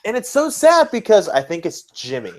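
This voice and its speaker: On a laid-back wrestling commentary podcast, this male co-host is blunt and critical, driving points home by repeating phrases. He talks at normal speed in a high voice whose pitch swoops wildly.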